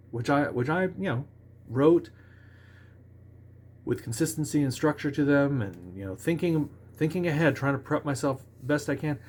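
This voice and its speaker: A man's voice: medium pitch, darkish tone, slight background noise. Man teaching songwriting casually. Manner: conversational, with restarts and sung "da da" examples; self-assured about his own lyric writing. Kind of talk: casual instructional talk.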